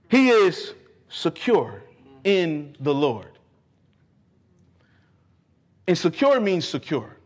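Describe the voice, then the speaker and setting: Male preacher, fervent and emphatic, fairly high-pitched and very animated, leaning on repeated phrases as he expounds scripture. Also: breathy edge. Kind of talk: sermon with scripture exposition.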